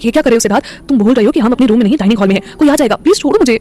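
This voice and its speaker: A gentle, bashful young woman who speaks kindly to her friends, voiced by a woman narrator. She talks very quickly over faint music in this audio story. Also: fairly high pitch, natural voice. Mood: friendly. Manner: gentle, shy.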